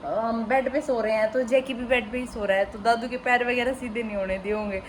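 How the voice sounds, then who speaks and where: A woman's voice: on the high side, fairly even intonation, brisk. A young woman with a Haryanvi accent, chatting emotionally in a casual family vlog, telling stories with teasing asides. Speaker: family vlogger. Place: home kitchen. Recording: noisy home phone recording.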